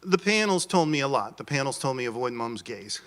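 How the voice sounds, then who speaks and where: Bright, breathless man giving feedback. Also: mid-range voice, very animated, fairly quick. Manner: eager, blunt, a bit breathless. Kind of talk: post-game feedback chat.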